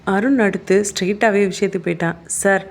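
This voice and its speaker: A woman narrating a crime thriller audiobook in a steady, even storytelling manner. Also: fairly low pitch, normal speed.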